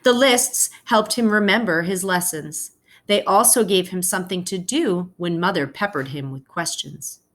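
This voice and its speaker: Speaking at normal speed in a low-leaning, fairly bright voice, a teacher reads a children's picture book aloud to students. She phrases things carefully while explaining them informally.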